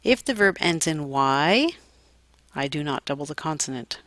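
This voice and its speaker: A woman teaching English grammar at a slow, deliberate pace, her voice sitting a little low. The sound is dry and close, with no room around it. Now and then she slips in a deadpan aside. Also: no echo. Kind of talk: grammar lesson to students.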